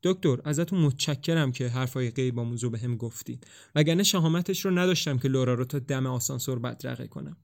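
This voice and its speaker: A man's voice: medium pitch, vocal fry, darkish tone, dry recording, clean studio sound, lightly acted. Anxious young man in a storybook reading, voiced by a man; earnest and searching. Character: anxious, questioning young man facing death. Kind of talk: audiobook dialogue reading.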